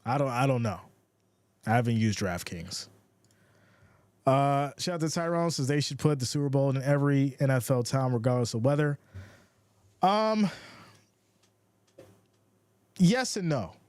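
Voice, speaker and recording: A man calls a football game for his livestream audience, reading out viewer comments between plays in an easygoing way. His voice sits in an ordinary middle pitch. The sound is close and dry, with no room around it. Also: animated, unhurried, pauses often, darkish tone, no room sound. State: has the hiccups. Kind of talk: casual play-by-play and chat reading.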